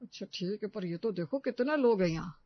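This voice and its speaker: A woman's voice: medium pitch, expressive, a little fast, no room sound, close to an everyday voice. A woman voicing a meek, mild elderly father-in-law who speaks hesitantly. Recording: dull dry lo-fi recording.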